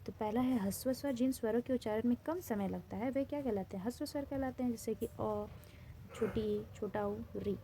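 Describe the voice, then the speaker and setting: Woman, Indian accent, teacher, slightly high, asks and answers her own questions. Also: fairly quick, warm tone, slight background noise. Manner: asks a question then answers it herself, repeats key terms. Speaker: Hindi grammar teacher. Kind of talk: classroom lesson, asking and answering quiz questions.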